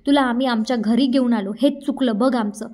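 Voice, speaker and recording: A spoiled young woman hurls scornful insults, sprinkling in English words, as a woman reads her. Her voice is high and sharp. She sounds like a storybook villain in a family drama. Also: fairly quick, close to an everyday voice. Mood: scornful anger.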